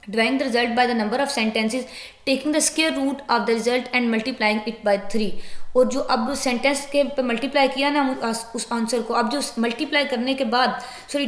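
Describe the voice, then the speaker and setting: A woman teacher explaining a lecture step by step, with a somewhat high voice. She reads English lines slowly and then explains them plainly. Her voice rings around an echoey room.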